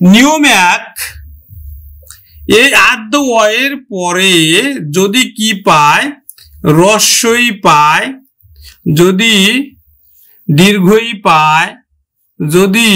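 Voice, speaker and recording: Man, high voice, grammar teacher, drills example words slowly, asks and answers his own questions. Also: sharp tone. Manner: slow, drawn-out pronunciation of example words; asks the listener questions, then answers them. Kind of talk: online grammar lesson.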